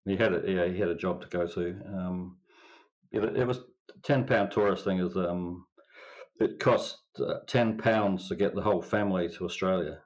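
A middle-aged man from England who has a New Zealand accent chats as a winemaker guest in a casual interview. His voice is low-pitched, he speaks at normal speed, and his manner is dry and laconic.

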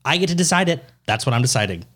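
Young man, twenties, podcast co-host; playful teaser, laughs a lot, squeaks up high when worked up. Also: rapid-fire. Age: 20s. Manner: teasing, laughs often, voice jumps high when excited. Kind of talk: casual podcast banter.

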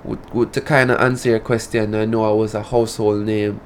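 A man's voice: lowish voice, little pitch movement, fairly quick, slight background noise. A man with a Jamaican accent and a rural drawl, a Patois speaker talking casually as an artist being interviewed. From rural Jamaica (Saint Elizabeth). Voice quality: country drawl.

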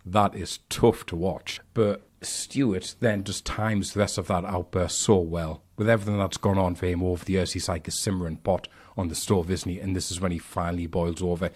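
Deep-voiced man reviewing films. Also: fairly even intonation, a little mellow. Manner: thoughtful, measured analysis with conversational asides. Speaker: film podcast host. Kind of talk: casual film review chat.

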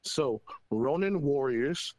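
Slow, hesitant man on a podcast. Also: medium pitch, expressive, darkish tone, no echo, low-quality recording. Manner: hesitant, many fillers. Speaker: podcast co-host. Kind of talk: casual podcast chat.

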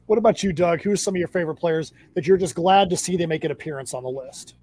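A man's voice: on the high side, fast talker, a little mellow, husky. A man from South Florida with an American accent, casually hosting a sports discussion. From South Florida, USA. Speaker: sports podcast host.

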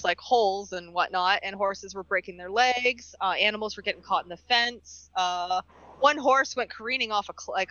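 A woman chatting on a podcast with a bright, forceful voice. She tells stories and acts out the lines of the people in them. The recording is dry and a little dull. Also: medium pitch, dry recording. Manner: storytelling, acts out quoted dialogue. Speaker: podcast co-host. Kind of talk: casual chat.

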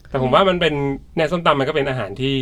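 A man hosting a podcast in casual chat, relaxed and reflective. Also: on the high side, rapid-fire. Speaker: podcast host.

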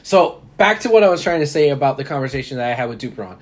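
A man's voice: medium pitch, animated, fast. A man co-hosting a casual wrestling chat, rambling with restarts and frequent laughs. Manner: rambling, self-interrupting, laughs often. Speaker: podcast co-host.

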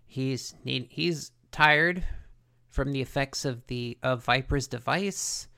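A man's voice: mid-range voice, takes it slowly, creaky, bright, forceful tone. A man co-hosting a podcast, casually retelling a cartoon episode in a conversational way. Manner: conversational, story-telling with paraphrased dialogue. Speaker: podcast co-host.

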